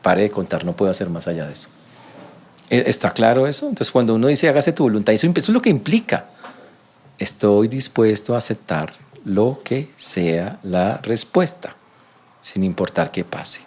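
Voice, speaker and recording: A pastor gives an animated sermon at a moderate pace, his voice carrying a breathy edge. He acts out quoted prayers loudly, then drops soft and low for the humble ones.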